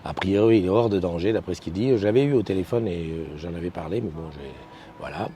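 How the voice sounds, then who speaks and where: A man's voice: low voice, fast, dark tone, a little hiss or hum. A man hosting a casual live morning stream, reading out viewer comments and greeting people, hesitant with many fillers and restarts. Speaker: morning show host. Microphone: desk microphone.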